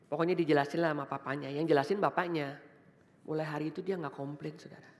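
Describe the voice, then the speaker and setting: A woman's voice: low voice, steady tone, quick pace, a little mellow. A woman vicar preaching a sermon, repeating key phrases for emphasis and talking directly to the congregation in a casual, story-telling way. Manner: addresses the congregation directly and conversationally; tells illustrative stories in a casual tone. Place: church hall. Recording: long church-hall reverb.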